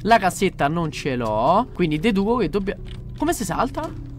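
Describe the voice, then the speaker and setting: A man's voice: high-pitched, big pitch swings, moderate pace, soft background music. A man with a Roman accent giving live gameplay commentary, jumpy and swearing a lot as he talks to viewers. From Rome. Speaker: streamer.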